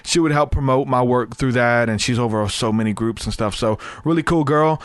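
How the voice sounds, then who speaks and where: Hosting a casual podcast, a thirty-something man rambles on, repeating himself and leaning on fillers, his voice growing tired from extended talking. He speaks fairly quickly in a mid-range voice, recorded dry.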